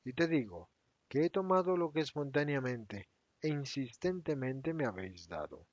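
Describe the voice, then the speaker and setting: A serene, stern teacher who speaks gravely and evenly, lower and quieter than the narration, as a male reader puts him on. His pitch still moves with some life. The sound is dry and slightly muffled. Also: dry recording, lightly acted. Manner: calm, grave, measured, low-voiced. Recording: dry, slightly dull recording.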